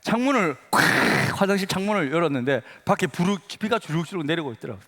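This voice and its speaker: Middle-aged pastor, lively sermon storytelling, fairly high voice, reverberant hall. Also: male voice, fast. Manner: animated storytelling, acts out dialogue. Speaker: senior pastor. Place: church sanctuary.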